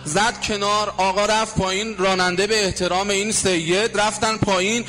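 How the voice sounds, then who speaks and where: A man preaching a sermon as a dramatic story, at times dropping to a hush or half singing. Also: high-pitched, level tone, soft background music. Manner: dramatic storyteller, drops to hushed tones and half-sung lines. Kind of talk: emotional religious storytelling sermon.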